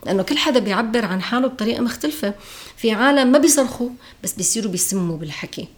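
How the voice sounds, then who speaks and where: A woman's voice: fairly high pitch, lively intonation, rapid-fire. A woman with a Levantine Arabic accent, a podcast guest in casual, reflective conversation. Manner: reflective, acts out quoted voices.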